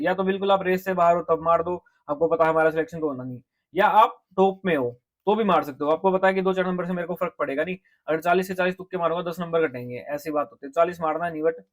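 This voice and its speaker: A man, a coaching teacher giving exam advice to students in a casual, direct lecture, often checking in with his listeners. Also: high-pitched. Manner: direct, repeats "ठीक है?" to check in.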